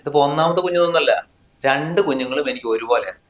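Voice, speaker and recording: A man's voice: fairly high pitch, very fast, reverberant, lightly acted. A man acting a husband in a short drama, scolding and dismissive in tone. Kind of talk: scripted drama dialogue.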